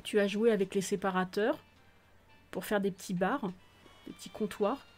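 Faint music plays behind a gaming host as she tours viewers' islands in a game. Her mid-range, darkish voice moves at a moderate pace through casual, gushing commentary, with frequent exclamations and occasional near-whispers.

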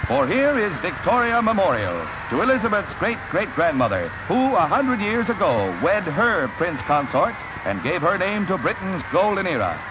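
A man narrating an old newsreel in a brisk, upbeat announcer style. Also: sits high, big pitch swings, noisy background. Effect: old newsreel sound. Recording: dull lo-fi 1940s newsreel with music.

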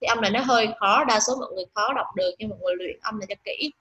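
A woman teacher giving an online English pronunciation lesson, drilling words slowly and coaxing her class in a chatty, teasing way. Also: on the high side, bright, forceful tone, dull audio. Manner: drills words slowly, stretching each sound.

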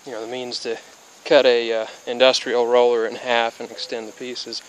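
By a car outdoors and then under a metal-roofed shed, a young DIY hobbyist in his twenties rambles through a casual how-to. He's a little spacey from being sick. His medium-pitched voice runs at normal speed with a flat delivery and plenty of fillers and restarts. The audio is poor, with slight background noise.

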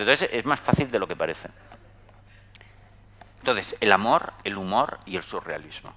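A middle-aged man from Spain with a Spanish accent, giving a talk to an audience in a chatty, storytelling way, often tagging his sentences with quick questions. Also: fairly low pitch, a little hiss or hum. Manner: conversational, tag questions, lively storytelling. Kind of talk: anecdotal talk to a live audience.

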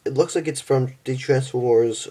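A young man casually reviewing and transforming a toy figure, halting and stumbling over his words, tired from just waking up. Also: mid-range voice, dark tone, husky. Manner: halting, stumbles and restarts often.

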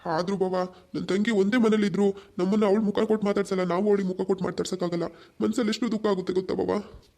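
A man's voice: sits high, level tone, quick pace, creaky, mellow. A man voicing a regretful older brother who sorrowfully pleads about his estranged sister.

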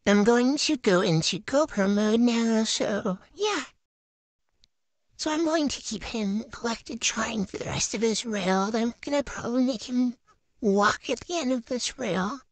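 A young adult woman who vlogs about gaming narrates every move in short, chatty phrases as she provides casual play-by-play. Her fairly high-pitched voice comes through with no room sound.

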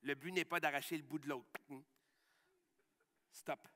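A man's voice: on the high side, fairly even intonation, measured pace, bright, forceful tone. A man with a Québécois accent, a magician walking schoolchildren step by step through a rope trick. He coaches in an upbeat way and keeps checking that everyone can follow. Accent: Québécois French. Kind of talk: live magic trick demonstration and explanation for schoolchildren. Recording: long hall reverb.

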